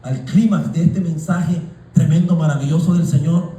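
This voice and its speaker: Man pastor, preaching sermon, mellow dark tone, roomy echo from distance. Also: fairly high pitch, steady tone, moderate pace. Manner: preaching with rising shouts and colloquial asides. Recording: echoey room, voice from far off.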